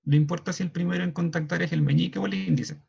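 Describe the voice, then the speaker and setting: Chilean guy explaining signs over a video call, kinda high raspy voice, keeps saying ya?. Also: fairly even intonation, quick pace, darkish tone. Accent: Chilean Spanish. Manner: checks in often with a questioning "ya". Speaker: sign language class moderator. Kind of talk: online class explanation. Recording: dull lo-fi video call audio.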